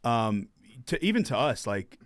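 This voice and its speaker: A man's voice: mid-range voice, big pitch swings, a little slow, dry recording. A man hosting a casual podcast chat, talking with emphasis and repeating phrases to drive his points home. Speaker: podcast host. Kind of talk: casual conversation.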